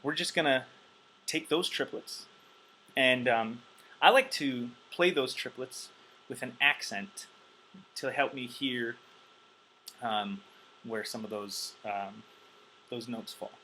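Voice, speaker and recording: A man's voice: medium pitch, slow pace, pauses often, bright, forceful tone, slight background noise, rough recording. A man teaching drums in a loose, chatty way, counting beats aloud with plenty of ums, wired on caffeine. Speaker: drum teacher. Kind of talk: casual instructional talk.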